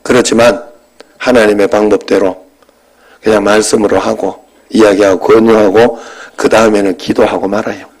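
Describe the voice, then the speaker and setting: A man, a pastor preaching in a chatty, storytelling way that moves between lively and hushed. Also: fairly low pitch, moderate pace, poor audio. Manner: conversational storytelling, swings between animated and hushed. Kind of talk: sermon.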